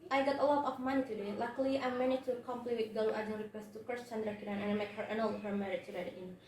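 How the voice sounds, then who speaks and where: A woman's voice: high-pitched, animated, moderate pace, a little mellow. A young woman with an Indonesian accent playing a greedy, sly magician witch in a school drama. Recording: echoey room, distant mic.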